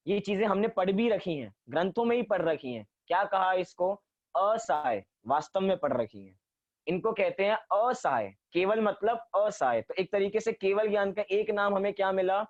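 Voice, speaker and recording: High-voiced man teaching a class. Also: no room sound. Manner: asks and answers his own questions. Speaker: religion teacher. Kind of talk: explanatory class lecture. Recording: dull dry recording.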